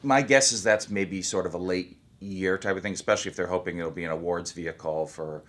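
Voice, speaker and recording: A man who is an actor, talking about his work in a relaxed, rambling interview. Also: sits low, a little fast. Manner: easygoing, rambling, thinks aloud. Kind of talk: casual interview talk.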